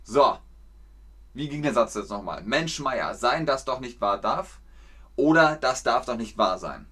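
A man teaches everyday expressions in a relaxed live lesson. He speaks very slowly and deliberately, at a middle pitch, and acts out each exclamation with playful emphasis. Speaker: German teacher. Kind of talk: casual live language lesson.

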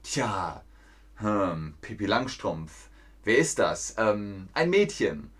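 A thoughtful woman author makes up a bedtime tale on the spot, as a male teacher puts her on. She pauses and hesitates, pondering each word before it comes. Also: lowish voice, big pitch swings, fairly bright tone, breathy edge, heavily acted.

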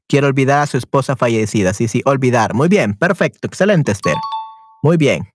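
A man teaching a language lesson, encouraging a student and slowly repeating questions with English glosses. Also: medium pitch, expressive, husky, no echo. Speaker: Spanish teacher.

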